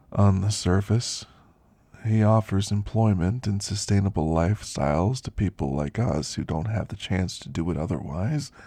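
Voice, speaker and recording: An older man plays a weary, wistful elderly werewolf in a slow, reflective ASMR roleplay, confiding his story in a gravelly, husky voice. His tone is mellow and on the low side, with no echo.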